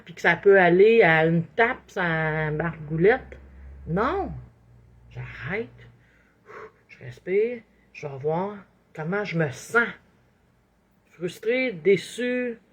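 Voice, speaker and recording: A woman with a Québécois French accent speaking casually as an inspirational speaker, expressive and acting out her inner thoughts, with many asides like "hein". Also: medium pitch, muffled recording. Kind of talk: casual motivational monologue.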